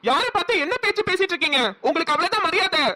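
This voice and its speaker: A voice actor plays a protective young man in a cartoon, with a high, bright voice and fast delivery. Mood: angry. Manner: fast, defensive. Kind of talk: cartoon voice acting.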